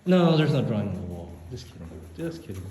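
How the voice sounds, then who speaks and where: A man touring a dark lava tube cave, reading the signs aloud and teasing with fake scares. His voice carries the cave echo. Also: on the low side, big pitch swings, fast talker, a little hiss or hum. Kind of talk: casual tour chat, reading signs aloud. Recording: echoey cave with long reverb.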